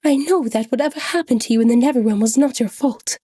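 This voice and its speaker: A woman voicing a kind, supportive android who speaks gently and reassuringly. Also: a little high, fast, husky. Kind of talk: fan audiobook voice acting.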